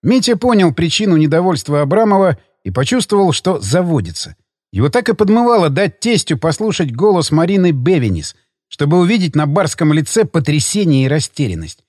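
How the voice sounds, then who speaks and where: A man narrating an audiobook in an expressive storytelling manner. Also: a little high, brisk, no room sound, studio quality. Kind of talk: scripted narration.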